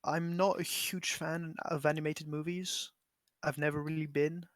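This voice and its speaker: A man's voice: a little high, little pitch movement, normal speed, slight background noise. A young man talking casually as a podcast guest, in a rambling, emphatic way.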